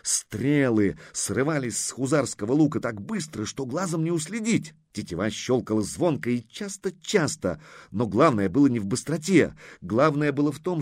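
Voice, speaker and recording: A male narrator reading a story with an animated, rising and falling voice. The recording is close and dry, with no room around it. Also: medium pitch, no room sound. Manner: expressive storytelling. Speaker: audiobook narrator. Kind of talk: scripted narration.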